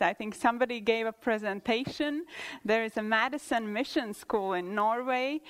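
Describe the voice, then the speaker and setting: A Latvian woman in her thirties speaks English as a second language with a Latvian accent, delivering an earnest, testimony-style sermon at church with some hesitant restarts. Her voice is on the high side, fairly bright and clean in tone, though the recording quality is low.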